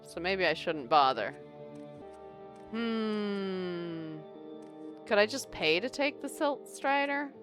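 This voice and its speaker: A woman's voice: medium pitch, expressive, takes it slowly, pauses often, over music. A woman streamer giving casual, playful gameplay commentary, chatting to viewers and thinking aloud. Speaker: game streamer.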